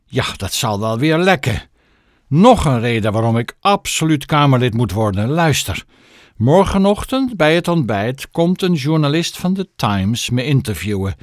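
A man voicing a stern, snobbish mother with political ambitions, shrill and scolding, for an audiobook. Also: sing-song, normal speed, no echo, studio quality, lightly acted. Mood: bossy. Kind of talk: audiobook character voice.

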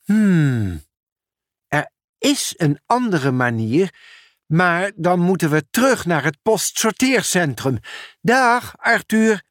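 A man's voice: sits high, big pitch swings, takes it slowly, fairly bright tone, no room sound, clean studio sound, pitched above the performer's own voice, heavily acted. A man reading a storybook aloud, voicing a cheerful, dutiful postman in a slightly raised, eager voice.

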